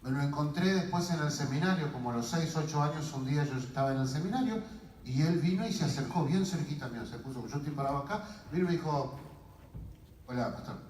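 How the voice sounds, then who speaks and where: A man's voice: on the high side, quick pace, slight background noise. A man preaching as a guest, telling stories with humor in a church, recorded from far off in an echoey hall. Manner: animated, humorous storytelling. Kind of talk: sermon storytelling.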